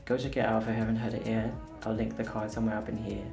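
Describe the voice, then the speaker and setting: Rapid-fire and level-toned, the man's lowish voice carries vocal fry and a slightly mellow quality. A native Portuguese speaker and singer-songwriter, he addresses the camera casually in a vlog, open and a bit self-deprecating, while music plays in an echoey room.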